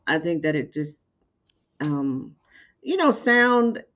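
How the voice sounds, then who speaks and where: A woman's voice: low voice, sing-song, takes it slowly, a bit bright, lo-fi sound. A woman chatting casually as a guest on a video call, rambling and often restarting her sentences.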